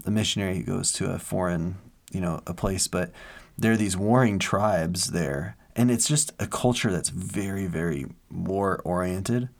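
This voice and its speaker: An earnest man talks through matters of faith in a casual chat, with a fairly low voice. He wanders into stories, pausing on fillers and restarting his sentences as he goes. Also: vocal fry. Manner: earnest, rambling storyteller with many fillers.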